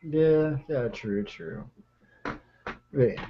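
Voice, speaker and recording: A young man hosting a livestream. He rambles casually with plenty of ums and restarts. His voice sits at an ordinary pitch and comes through dull, lo-fi audio. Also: big pitch swings, extremely slow, creaky, slightly rough. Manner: rambling, with many fillers and restarts. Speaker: livestream host. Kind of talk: casual chat and dramatic reading.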